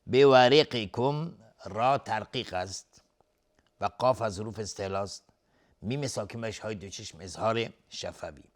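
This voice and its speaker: A man teaching tajweed, slowly chanting verse phrases and then briefly explaining the pronunciation rules, sometimes trailing off into a whisper. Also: lowish voice. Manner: drawn-out chanted recitation alternating with quick explanation. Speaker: Quran recitation teacher. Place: television studio.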